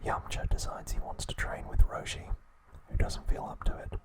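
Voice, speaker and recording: In short phrases, slow and deliberate, a man whispers a scripted recap with a soft, breathy ASMR delivery.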